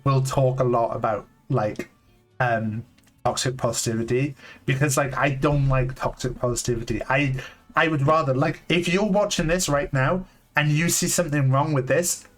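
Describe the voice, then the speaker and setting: Streaming live from home, this man in his late thirties has a medium-pitched voice and fairly even intonation. He's candid and casual but halting, restarting sentences often and leaning on "like" as filler. Faint lo-fi music plays in the background, and he speaks into a desk mic on a long cable.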